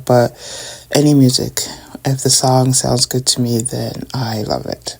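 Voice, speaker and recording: A middle-aged Canadian woman vlogs while tidying up at home, chatting casually to her viewers as she declutters. Her voice is very deep with a darkish tone.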